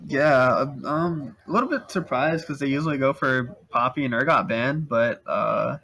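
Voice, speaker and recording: A young male player talks in a casual post-game interview. He is laid-back and a little shy, and laughs easily. His voice sits at a middle pitch. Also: normal speed, vocal fry, bright, forceful tone.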